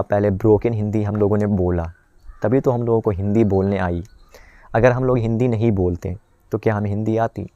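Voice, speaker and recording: A man giving a casual spoken lesson for English beginners, rambling with fillers and restarts, now and then slowing into careful English phrases. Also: on the low side, mellow, dry recording. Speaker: English-learning video host.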